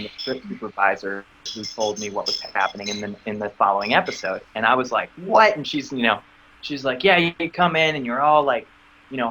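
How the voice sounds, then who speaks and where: A man's voice: slight background noise, poor audio. A man being interviewed about acting work, telling a story in a casual way and acting out the dialogue he quotes. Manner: animated, acts out quoted dialogue with sudden high squeaks. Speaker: actor interview guest.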